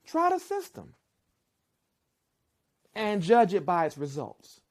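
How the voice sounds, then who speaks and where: Woman speaking slowly and persuasively. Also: mid-range voice, huge pitch swings, a little mellow. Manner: measured, persuasive. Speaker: relationship speaker. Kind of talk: documentary interview.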